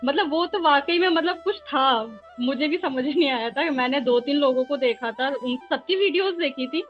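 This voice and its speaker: A woman's voice: sits high, moderate pace, highs cut off, soft background music. A woman tarot student talking casually about her experience, hesitating often with fillers. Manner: talkative, hesitant with many fillers. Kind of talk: casual testimonial chat.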